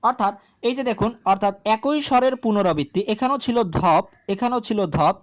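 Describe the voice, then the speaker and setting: A woman teaching a grammar lesson to video viewers, explaining slowly and repeating key terms, often asking a question and answering it herself. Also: on the high side.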